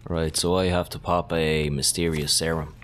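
A man giving casual let's-play commentary as he plays, swearing heavily and breaking into excitable outbursts. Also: a bass voice, moderate pace, slight background noise. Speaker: gaming commentator.

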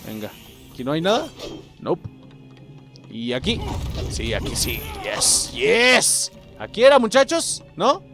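A man with a Mexican accent giving profane, excitable let's play commentary and yelling at enemies. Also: on the high side, slow, long pauses, over music. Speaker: gaming host.

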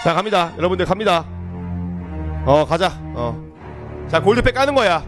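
A young man streaming a football game, commentating live with hyped shouting as he opens card packs. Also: sits high, big pitch swings, normal speed, faint music behind.

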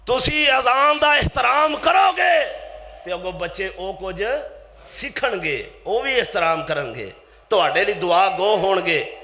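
A high, bright-voiced man preaches a Friday sermon. His voice rings through an echoey mosque over a faint hum. He drops to hushed asides, then shouts his exhortations and quizzes the listeners with rhetorical questions.

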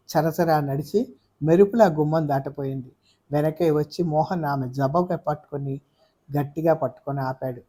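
A narrator reading a serialized novel aloud in a steady, expressive storytelling manner. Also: medium pitch.

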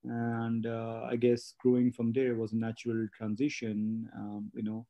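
A spa business owner from India, a man in his late thirties who is not a native English speaker, describes his career in a casual interview, rambling with many fillers and restarts. His medium-pitched voice is warm but completely flat and a little slow.

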